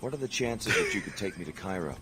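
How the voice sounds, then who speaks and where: A man's voice: low-pitched, animated, fast talker. An actor playing a terse, skeptical male agent in a video game, speaking in curt, dry remarks. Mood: dry, blunt.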